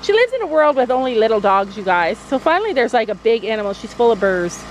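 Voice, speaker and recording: A woman's voice: fairly high pitch, sing-song, fast talker, poor audio. A woman vlogging outdoors with her daughter, chatting to viewers and putting on silly voices for the animals. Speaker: vlogger and mother. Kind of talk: casual family vlog. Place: outdoors at a horse campground. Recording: outdoor noise behind.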